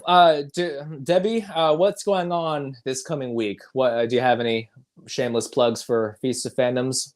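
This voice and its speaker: A man's voice: medium pitch, fairly even intonation, normal speed. A man hosting a casual livestream movie chat, rambling with frequent chuckles. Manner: rambling, laughing often. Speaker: host.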